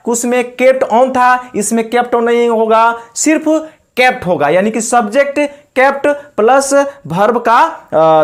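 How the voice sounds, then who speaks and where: A man with an Indian accent teaching spoken English in Hindi, slowly and patiently repeating each example. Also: very high-pitched.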